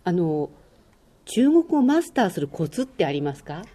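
A woman interviewing a guest on a language program, asking questions politely and gently prompting. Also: fairly low pitch, very animated, normal speed.

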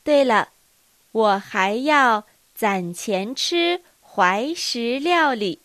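A woman teaching a language lesson, reading dialogue lines with careful, deliberate enunciation. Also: on the high side, expressive, a bit bright, no room sound.

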